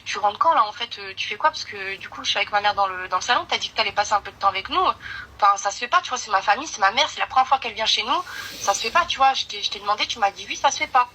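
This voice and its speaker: A woman's voice: medium pitch, pushed and bright, slightly rough, poor audio. A young woman telling a personal story in casual, slangy conversation, rambling and restarting as she goes. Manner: rambling, urgent slangy retelling with many restarts.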